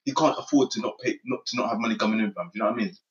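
A young man chats quickly. He is slangy and emphatic, circling back over his phrases. The recording is echoey and a little muffled. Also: on the low side. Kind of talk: casual group chat. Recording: echoey room, slightly muffled.

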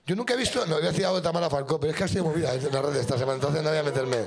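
High gravelly-voiced man hosting a live comedy game. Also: racing. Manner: loud, teasing, joking with the audience. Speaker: comedy show host. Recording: live venue with audience crowd.

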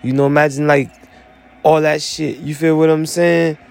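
Gravelly-voiced guy just venting on and on, swearing a lot, tons of "you know"s. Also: fairly high pitch, little pitch movement, normal speed, a little mellow. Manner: rambling, profane, heavy fillers. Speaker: army veteran sharing his story. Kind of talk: rambling personal monologue.

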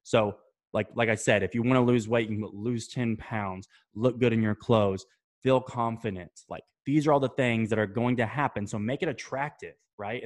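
A young man talking casually to camera, giving habit advice, loose and chatty, swearing now and then and checking in with "right?" and "okay?". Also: mid-range voice. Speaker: self-improvement vlogger.

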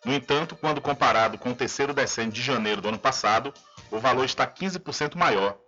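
A male radio news presenter with a bright, forceful voice. He reads a script over faint music, on slightly dull audio. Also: mid-range voice, quick pace.

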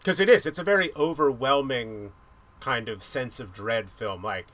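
Casual podcast host, man, bright tone, rambling film chat. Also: medium pitch, moderate pace. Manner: rambling, loose, drops mild swears.

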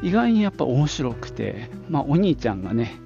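A man's voice: medium pitch, very animated, brisk, creaky, warm tone, faint music behind. A man in his late fifties hosting a casual audio diary podcast, chatting and rambling with many fillers while he walks outdoors to work, slightly out of breath. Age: 50s. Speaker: podcast host. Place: outdoors on a street, walking to work. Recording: dull lo-fi outdoor recording with wind noise.

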